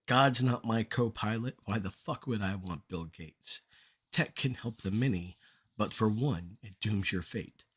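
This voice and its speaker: Short, deliberate phrases mark this middle-aged man's performance of rhymed spoken-word poetry. He speaks with a lowish voice that carries a breathy edge.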